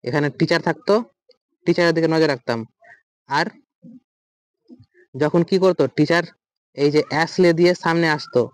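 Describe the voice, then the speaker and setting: A man's voice: on the high side, a little mellow, clean tone, dry recording, poor audio. A man with a Bengali accent teaching an exam-prep vocabulary lesson, asking questions and answering them himself. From West Bengal, India.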